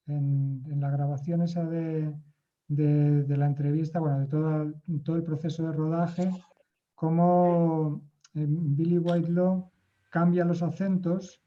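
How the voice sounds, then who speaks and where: Man, slightly high voice, hesitant with fillers, muffled video-call sound, group discussion. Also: dark tone. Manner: hesitant, many fillers and restarts. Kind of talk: casual discussion.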